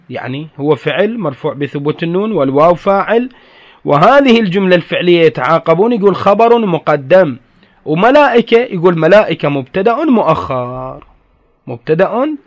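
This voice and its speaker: A man's voice: high-pitched, lo-fi sound. A man teaching grammar, patiently explaining and repeating key terms to his students. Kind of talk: classroom lecture on grammar.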